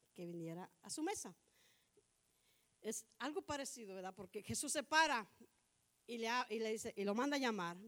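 Fervent high-voiced woman preaching. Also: a bit bright. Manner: addresses listeners as brother again and again, rises to fervent outbursts. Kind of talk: sermon.

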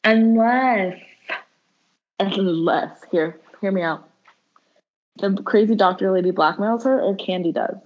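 Woman co-host, casual excited chat, a little muffled. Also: medium pitch, slow, long pauses. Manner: excited, swears casually, laughs often. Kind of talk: casual chat reviewing a TV show.

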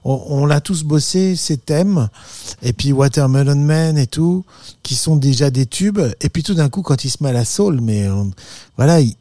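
A man's voice: fairly high pitch, animated, moderate pace, warm tone, no echo, clean studio sound. A man with a French accent chatting casually as a musician guest, enthusiastic, slangy and rambling. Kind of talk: casual chat.

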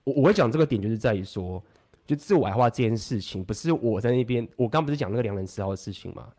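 A man talking fast and animatedly in a casual podcast chat, swearing now and then. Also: mid-range voice, lively intonation, dark tone.

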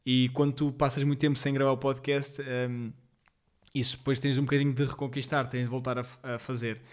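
A man's voice: mid-range voice, level tone, fairly quick. A man in his twenties with a European Portuguese accent, rambling through a casual solo podcast with lots of slang and fillers. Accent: European Portuguese, Lisbon slang. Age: 20s. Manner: rambling, slangy, self-deprecating, many fillers; apologetic about being jittery and off rhythm. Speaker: podcast host.

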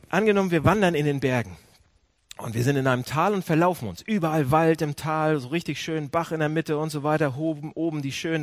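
A man's voice: a little high, no room sound, clean studio sound. A man preaching a sermon, asking his listeners questions and often restarting or correcting himself mid-phrase. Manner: animated preaching, asks the audience questions. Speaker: pastor. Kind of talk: sermon to a congregation.

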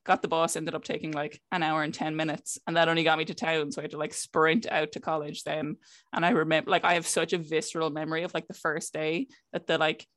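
A woman's voice: deep voice, flat delivery, fast, a bit bright, dry recording, studio quality. A young woman from County Clare with a west of Ireland accent, chatting casually and telling anecdotes, peppering them with "like" and quoted exchanges. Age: young adult. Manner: conversational, frequent filler "like", quoting herself and others.

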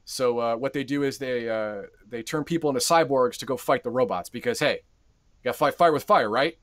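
A man's voice: mid-range voice, a little fast. A man co-hosting a game stream, describing games in casual, rambling talk full of fillers. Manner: rambling, many fillers and restarts. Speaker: co-host of a game stream show. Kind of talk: casual game review chat.

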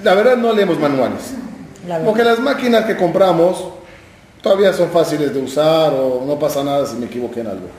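A man's voice: on the high side, lively intonation, a little fast, a little mellow, a little hiss or hum. A man giving a Torah class, telling stories with acted dialogue and asking the listeners questions. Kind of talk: sermon. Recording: very echoey room.

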